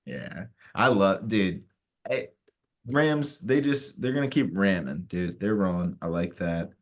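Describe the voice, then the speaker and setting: This is a man with a notably deep voice, chatting as a podcast co-host. He talks fast and loose, swearing often and getting worked up about rivals. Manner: profane, fired-up ranting. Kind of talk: casual sports chat.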